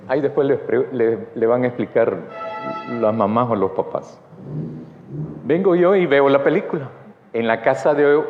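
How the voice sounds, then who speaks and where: A male pastor telling a personal story in a sermon, chatty and often checking in with his listeners. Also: medium pitch. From El Salvador. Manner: conversational, keeps asking the congregation for agreement. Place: church sanctuary. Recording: dull sound in a church with long reverb.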